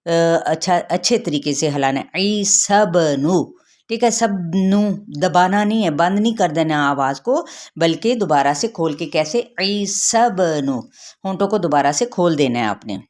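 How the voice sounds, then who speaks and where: A woman teaching Quran recitation rules, patiently explaining each rule and then reciting the words slowly. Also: on the low side, animated, darkish tone. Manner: patient, repeats rules, checks with "theek hai".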